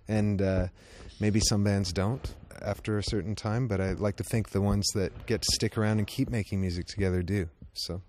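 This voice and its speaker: Low-ish guy from a band, thinks out loud, keeps restarting, backstage interview. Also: steady tone, moderate pace, few pauses, slight background noise. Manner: thoughtful, restarts sentences often. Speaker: band member. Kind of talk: casual interview answers.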